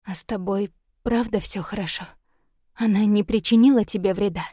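A woman reading an audiobook, voicing an injured young fae woman who speaks in a hoarse, strained whisper. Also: medium pitch, normal speed, mellow, no echo, clean studio sound, lightly acted.

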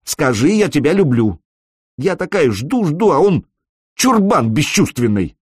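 A man reading an audiobook and voicing Alena, a young woman who is anxious and loving but quick to scold, in a raised, husky voice. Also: a little high, sing-song, no room sound, clean studio sound, pitched above the performer's own voice, heavily acted. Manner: pleading, then scolding in a raised voice. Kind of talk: audiobook character voice.

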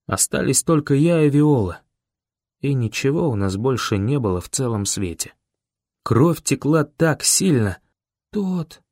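Мужчина, напряжённо читающий аудиокнигу. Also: male voice, fairly high pitch, no room sound, studio quality. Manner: intense, voices the characters' desperate shouts and pleas. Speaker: audiobook narrator. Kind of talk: dramatic first-person audiobook reading.

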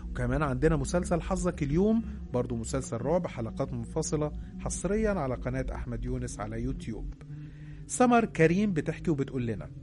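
A man with an Egyptian Arabic accent, narrating listeners' true horror stories in a hushed, suspenseful storytelling manner. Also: on the high side, a little hiss or hum. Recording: narration over clear background music. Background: background music.

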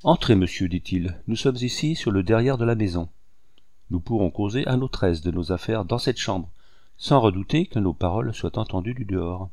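Storybook role: a mocking English gentleman, haughty and cool, read by a man, deep voice. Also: normal speed, no room sound, clean studio sound, natural voice. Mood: sly. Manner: sneering, courteously haughty.

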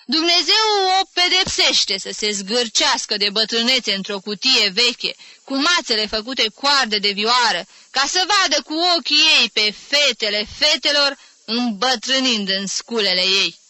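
A harsh, sententious man hands down ironic verdicts with no room for reply, as a woman reads him in an audiobook. The tone is bright and dry, close and without room sound. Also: mid-range voice, animated, no room sound, poor audio. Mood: stern, mocking. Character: gruff sententious man at a family dinner. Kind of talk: audiobook reading.

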